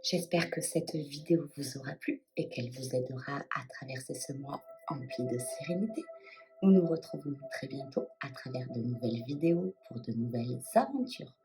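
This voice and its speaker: A woman giving a tarot card reading, speaking softly and slowly with frequent hesitations. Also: a bass voice, faint music behind, low-quality recording. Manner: soft, unhurried, many hesitations.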